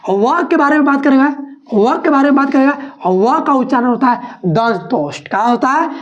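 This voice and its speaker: A woman teacher giving an exam-prep lesson, asking questions and answering them herself while repeating each point. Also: a little high.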